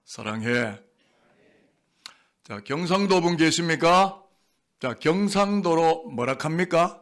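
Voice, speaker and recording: A male pastor preaching in a church, his voice sitting a little high for a man. He keeps things light, teasing and quizzing the people in the pews before turning to the message. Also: unhurried. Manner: playful, jokes and quizzes the congregation. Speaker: senior pastor. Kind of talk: sermon. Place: church sanctuary.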